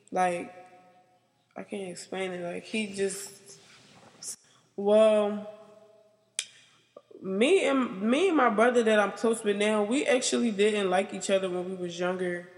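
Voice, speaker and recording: A woman's voice: mid-range voice, steady tone, darkish tone. Young woman interviewee who rambles and hesitates, dropping "like" constantly, with a long reverb on her voice. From United States. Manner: halting and rambling, filled with "like". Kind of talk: personal interview.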